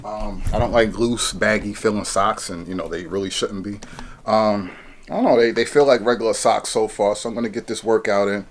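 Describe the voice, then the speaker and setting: A man's voice: on the low side, fairly quick, slight background noise. A man in a casual product review vlog, chatty and hyped, restarting his sentences with lots of ums. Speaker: fitness vlogger reviewing gear.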